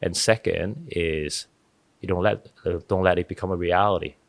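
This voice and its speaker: In casual interview talk, a middle-aged podcast guest shares stories with earnest feeling, often starting his sentences over. His voice is deep and gravelly, moving at a normal speed, with no echo.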